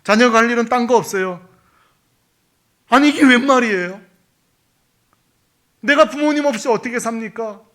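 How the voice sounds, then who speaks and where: A middle-aged male pastor giving an emphatic sermon, acting out quoted prayers and dropping from loud calls to hushed pleading. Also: very high voice, moderate pace, long pauses.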